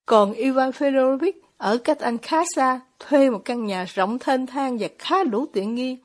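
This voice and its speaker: Woman audiobook narrator, measured and steady, husky, slightly high. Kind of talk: audiobook narration of a classic novel.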